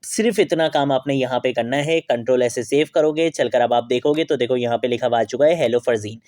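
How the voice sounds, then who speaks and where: A man's voice: medium pitch, brisk, darkish tone, dry recording, studio quality. A man teaching a screen-recorded coding tutorial, explaining step by step, asking and answering his own questions and checking in often. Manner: repeats "theek hai" often as a check-in. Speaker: programming tutor.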